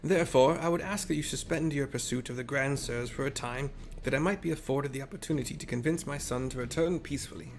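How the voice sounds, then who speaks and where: Man doing a strained old gentleman, courtly and earnest. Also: mid-range voice, fast, hardly any pauses, a little hiss or hum, lightly acted. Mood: courteous, grave. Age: older. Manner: courtly, archaic, declamatory. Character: old gentleman inspector, formal, earnest, protective father. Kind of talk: game dialogue read aloud.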